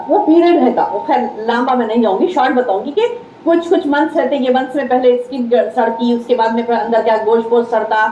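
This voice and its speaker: Woman teacher from India, Deccani Urdu accent, high mellow voice, religious lecture in a roomy, slightly dull hall recording. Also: a little hiss or hum. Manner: conversational, repeats key phrases. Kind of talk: Islamic lecture.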